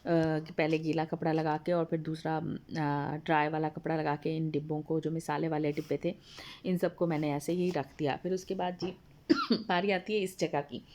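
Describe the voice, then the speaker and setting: Woman, home vlogger voice-over, slightly hoarse, low, flat and mellow, homely and polite. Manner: chatty and homely, addresses viewers politely. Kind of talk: casual voice-over narration of a home video. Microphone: voice-over recorded apart from the video.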